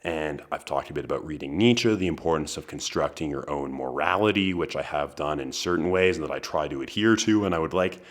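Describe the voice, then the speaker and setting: A man in his twenties hosting a podcast, delivering a comedic monologue in a dry, deadpan manner with wry asides. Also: rumbling low, fairly quick, hardly any pauses. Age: 20s. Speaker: podcast host.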